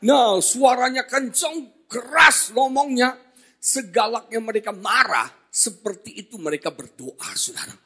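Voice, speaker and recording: Energetic husky-voiced male pastor. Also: very high-pitched, measured pace. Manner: energetic, jokey, often shouting, asks the congregation questions. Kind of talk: lively sermon. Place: church hall.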